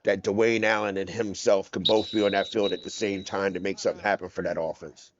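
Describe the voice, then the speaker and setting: A man's voice: low-pitched, little pitch movement, brisk, lo-fi sound, slight background noise. A man from New Jersey with a mix of Jersey accent and Texas drawl, doing color commentary on a football game and repeating phrases for emphasis. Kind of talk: sports commentary.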